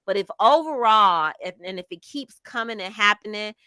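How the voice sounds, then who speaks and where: A middle-aged woman co-hosting a casual chat show, reading viewer comments aloud and reflecting on them in a measured way. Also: medium pitch, animated, sharp tone, clean tone, no room sound.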